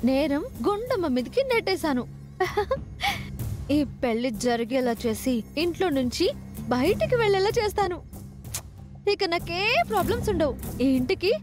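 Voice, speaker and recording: A woman's voice: very high voice, big pitch swings, normal speed, darkish tone. An actress playing a scheming woman speaking to herself in a TV serial, with music underneath. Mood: smug scheming. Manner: scheming, smug monologue. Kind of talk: Telugu TV serial acting.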